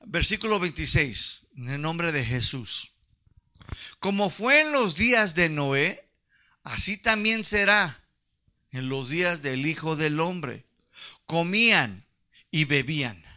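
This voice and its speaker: Preaching a sermon to his congregation, a Chicano pastor of Mexican-American background speaks with a Chicano Spanish accent and a folksy manner, asking the people questions. His voice sits a little high and sounds bright and forceful.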